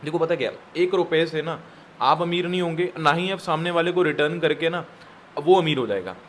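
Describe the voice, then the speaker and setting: A man's voice: fairly high pitch, fairly quick, fairly bright tone, a little hiss or hum. A man giving a motivational business talk, emphatic, repeating his key lines and mixing in English words. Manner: addresses viewers as guys. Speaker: network marketing business coach.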